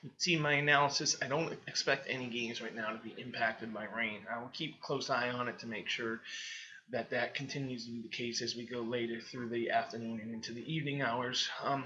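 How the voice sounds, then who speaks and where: A man's voice: medium pitch, muffled recording. A man with a Boston accent giving a casual weather rundown, talking loosely with many fillers. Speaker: weather analyst. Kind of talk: casual screen-share commentary.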